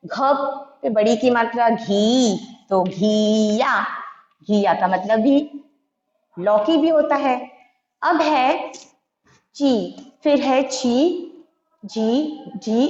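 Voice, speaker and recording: A woman teaching young children, slow and patient, spelling out each syllable one by one. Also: a little high, a little mellow. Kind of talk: Hindi alphabet lesson for young children. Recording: echoey room, dull lo-fi sound.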